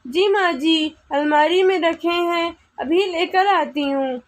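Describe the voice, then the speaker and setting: A woman voicing a meek, dutiful young daughter-in-law in a storybook tale, with a very high, slow voice. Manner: polite, meek.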